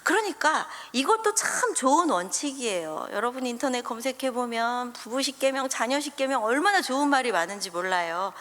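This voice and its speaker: A pastor's wife preaching a sermon, telling animated stories and acting out little scenes for the congregation. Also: female voice, high-pitched, fairly quick, few pauses. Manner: animated storyteller who acts out scenes with the congregation. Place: church sanctuary. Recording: reverberant church hall.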